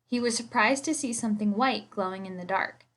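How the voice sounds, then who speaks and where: A woman's voice: medium pitch, fairly quick. A woman reading a children's storybook aloud expressively, like a teacher.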